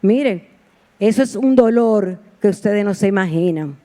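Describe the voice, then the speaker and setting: A woman's voice: medium pitch, lively intonation, normal speed, dark tone. A woman preacher giving a sermon in a heartfelt, personal storytelling manner, with repeated exclamations. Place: church sanctuary.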